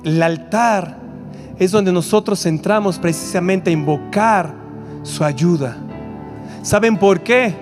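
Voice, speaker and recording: A man with a Mexican accent preaching a sermon in a church auditorium, lively and full of rhetorical questions and asides to the congregation. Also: sits high, music in the background. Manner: animated, rhetorical questions, quick asides to the crowd.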